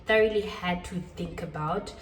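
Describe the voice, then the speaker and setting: Woman, twenties, casual vlog chat, self-deprecating, lowish voice, somewhat distant mic. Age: 20s. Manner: chatty, self-deprecating, with quick laughs and repetitions. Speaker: channel host. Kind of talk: casual talking-head vlog. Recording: roomy echo, a little far from the mic.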